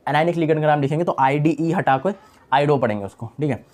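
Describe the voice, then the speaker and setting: A man's voice: a little high, fairly quick, darkish tone. A young man teaching a chemistry lesson in a casual style, repeating key terms and asking and answering his own questions. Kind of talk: online lecture.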